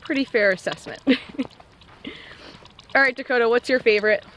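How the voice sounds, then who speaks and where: A woman's voice: a little high, normal speed, fairly bright tone, slight background noise, poor audio. A young woman co-hosting a casual vlog outdoors in the snow, chatting in a bubbly way and laughing often. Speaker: vlog co-host. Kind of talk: casual chat.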